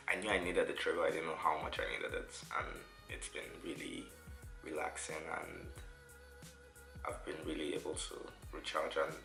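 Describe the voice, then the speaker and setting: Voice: very deep voice, vocal fry, pushed and bright. A young adult vlogger chatting casually and informally, with a congested, nasal voice from a bad cold, as if holding their nose. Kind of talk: casual solo vlog chat. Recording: roomy echo with music behind.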